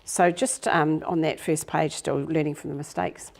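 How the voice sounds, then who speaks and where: A woman's voice: sits low, fairly even intonation, normal speed, vocal fry. A middle-aged woman, a business coach giving a live workshop talk to a group in a room, chatty and self-deprecating.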